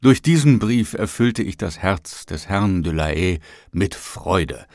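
A man narrating an old memoir as an audiobook, in a measured, even reading. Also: sits low, dry recording, studio quality.

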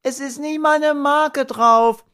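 Squeaky little kid voice, whiny and pleading, read-aloud story. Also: male voice, fairly even intonation, slow, bright, forceful tone, exaggerated voice. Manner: high pleading childlike voice. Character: whiny five-year-old boy.

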